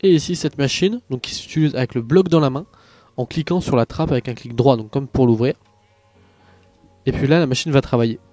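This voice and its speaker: A man's voice: mid-range voice, a little fast, a little mellow, no echo, faint music behind. Chatty man narrating a game tutorial. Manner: chatty, rambling, with many hesitations and asides. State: tired. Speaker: Minecraft tutorial youtuber.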